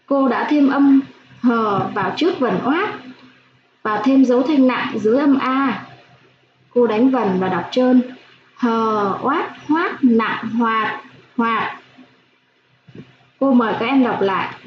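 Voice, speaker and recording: A woman primary school teacher giving a slow phonics lesson for young children, spelling out sounds clearly with gentle instructions. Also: on the high side. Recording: echoey room, dull lo-fi sound, faint hiss.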